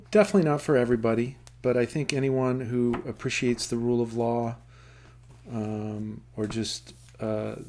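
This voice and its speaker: A man giving a casual book review, halting with many fillers and self-corrections, and reading passages aloud in a steady, measured way. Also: medium pitch.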